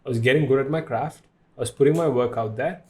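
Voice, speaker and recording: A man hosting a relaxed podcast chat, with an English accent that blends Indian and Western sounds. He talks in loose, self-deprecating runs, repeating words and laughing at his own jokes. His voice sits at an ordinary middle pitch. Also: fast talker. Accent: mix of Indian and Western English. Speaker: podcast host.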